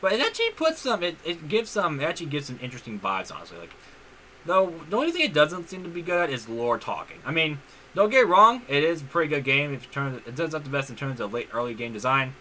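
A man chatting through a game session in a very bright, sharp-edged voice. His pitch bounces around a lot, and he rambles, stopping and restarting sentences as he goes. There is a faint hum behind him. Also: big pitch swings, quick pace, rough recording. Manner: rambling, restarts often, leans on "honestly". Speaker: gaming YouTuber. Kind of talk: casual let's-play commentary.

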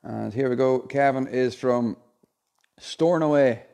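A man of about forty hosts a live draw in an informal, chatty way. His voice sits at a medium pitch, heard a few feet from a phone camera indoors. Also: slow, vocal fry, dark tone. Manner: chatty, colloquial. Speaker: competition draw host. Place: indoor showroom unit with a car and screen.

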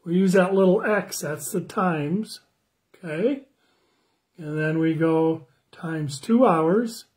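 An older man in his sixties giving a children's sermon on a phone livestream, slow and friendly, greeting viewers by name and asking the kids questions. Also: a little high, a little mellow. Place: small room indoors at home. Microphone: phone camera close up.

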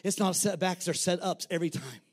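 Shouting preacher, high voice. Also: male voice, fairly quick, husky. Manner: preaching loudly, often shouting; blunt, colloquial and bold. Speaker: pastor. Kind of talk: sermon.

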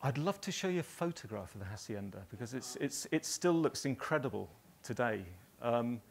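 A northern English man in his fifties, a graphic designer giving a talk, tells loose, rambling anecdotes to a live audience, full of ums and frequent mid-sentence pauses. His animated voice is mid-pitched with a gravelly edge.

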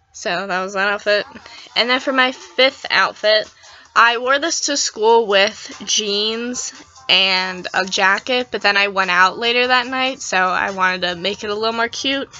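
Young female vlogger, sick-sounding, bright tone, casual chatty read over soft music, slightly dull audio. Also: mid-range voice. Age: young adult. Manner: chatty, affectionate. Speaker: fashion vlogger. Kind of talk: casual outfit vlog voice-over.

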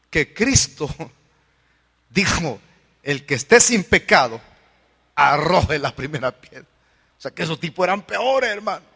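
High, bright-voiced emphatic preacher. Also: male voice, in a large hall. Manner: emphatic, folksy preaching with sudden loud outbursts. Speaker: pastor. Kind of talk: sermon.

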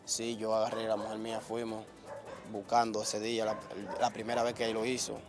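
A man's voice: fairly low pitch, monotone, brisk, over music. A man, the father of a victim, retelling events in a rambling, agitated way during an outdoor street interview.

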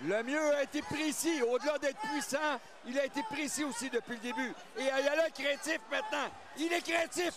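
A man with a Quebec French accent giving excited, emphatic live boxing commentary, often shouting. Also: very high voice, brisk, few pauses. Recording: loud arena crowd behind commentary.

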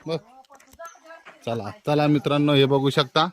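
Vlogger urging a friend along outdoors. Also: male voice, on the high side, fairly even intonation, a little slow, noisy background. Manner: chatty, keeps urging someone along. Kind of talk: casual vlog commentary to viewers. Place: outdoors near a waterfall.

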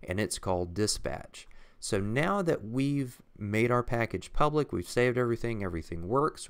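A man calmly walking through a software tutorial step by step over a screen recording. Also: fairly low pitch, smooth. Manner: calm, methodical, explains step by step.

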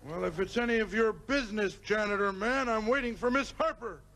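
A man's voice: high voice, fairly quick, natural voice. An actor voicing a cantankerous, pompous, lecherous very old man, a heckler in a puppet comedy, with an aged, grumbling voice. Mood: indignant. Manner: indignant, pompous, crotchety. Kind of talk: puppet comedy character acting. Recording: noisy old TV comedy soundtrack.

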